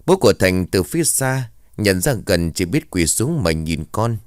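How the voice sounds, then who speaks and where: A man narrating a somber village ghost story in a steady storytelling manner. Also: low voice, moderate pace, no echo, clean studio sound.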